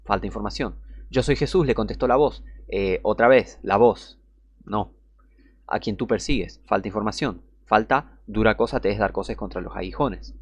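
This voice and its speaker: A man's voice: fairly low pitch, moderate pace, breathy edge, dry recording. A man giving heated Bible teaching, indignant and scornful, repeating his points.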